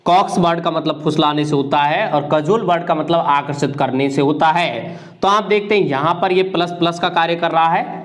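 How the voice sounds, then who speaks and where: A man's voice: on the high side, normal speed. A man from India teaching an exam-prep vocabulary lesson, repeating each word and its meaning again and again as a drill. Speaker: English teacher.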